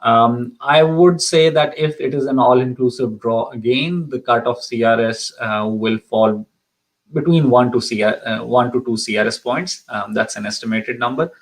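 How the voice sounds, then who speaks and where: Speaking at a normal pace in a medium-pitched voice, this man from Pakistan hosts a live question-and-answer session on immigration. He stumbles frequently, filling gaps with ums and starting sentences over. The audio quality is low.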